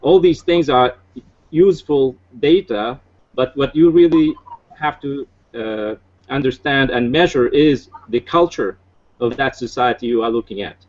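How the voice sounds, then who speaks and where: A man in his forties from Iraq, speaking English, giving an earnest, measured lecture as a guest speaker. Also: medium pitch, darkish tone, lo-fi sound. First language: Arabic. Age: 40s. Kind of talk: lecture-style political presentation.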